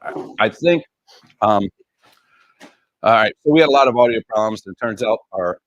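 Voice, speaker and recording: A man's voice: fairly low pitch, moderate pace, no echo, muffled recording. A man hosting a live stream for his gear company, casually explaining how a hammock works, with many ums along the way.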